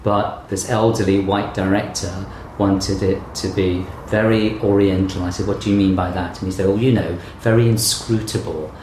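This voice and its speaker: Deep and darkish in tone, the middle-aged man speaks steadily at a normal speed, barely pausing. He is a theatre director giving an interview, recounting things in a reflective, thoughtful way. Faint background noise and room echo are audible.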